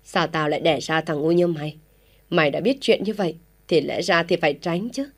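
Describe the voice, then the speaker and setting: A woman's voice: low-pitched, a little fast. A woman reading an audio story voices a furious, stern old village father who scolds his son harshly. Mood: furious scolding.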